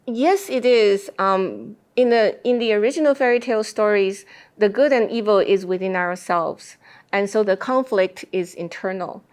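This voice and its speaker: A woman appears as an interview guest in a thoughtful discussion, explaining her ideas with deliberate phrasing in a mid-range voice.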